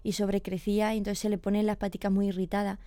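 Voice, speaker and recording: This female veterinarian, a radio chat guest, talks fast while patiently walking through pet illnesses and checking that her listener follows. Her voice sits at a medium pitch with little movement, mellow in tone, in a dry recording.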